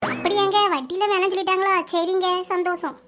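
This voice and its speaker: A woman voicing Ambujam, squeaky scolding housewife. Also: fairly even intonation, fast talker, fairly bright tone, a little hiss or hum. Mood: worried. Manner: scolding, argumentative. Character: Ambujam, village housewife, proud, quick-tempered. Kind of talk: animated village comedy voice acting.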